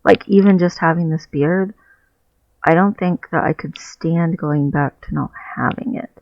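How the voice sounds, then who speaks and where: With a gravelly voice on the high side, a man talks at a measured pace in an honest, reflective video diary from his bed, feeling his way toward each word. He uses a headset mic, giving muffled, dull lo-fi sound without any room tone.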